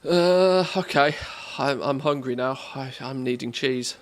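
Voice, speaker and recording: A man with an English accent and a mid-range voice speaks a little slowly while chatting casually as a game livestreamer. His humor is jokey and self-deprecating. He was born in England's northwest but has lived mostly in the Midlands.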